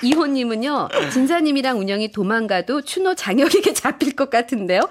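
A woman's voice: sits high, expressive, fairly quick. A woman hosting a radio show, reading listener messages and narrating a story. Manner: friendly, reads listener messages. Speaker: radio host.

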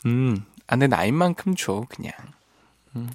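A man's voice: mid-range voice, lively intonation, measured pace, darkish tone, no echo. A man hosting a radio show in a studio, reading listener messages and teasing them playfully with frequent laughs. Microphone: studio microphone.

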